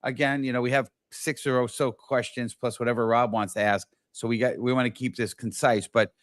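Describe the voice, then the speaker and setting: A man's voice: mid-range voice, steady tone, a little fast, no room sound, clean studio sound. A middle-aged man hosting a live-stream talk show, enthusiastic, often restarting and repeating words as he talks to viewers. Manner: enthusiastic, repetitive, many restarts. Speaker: show host.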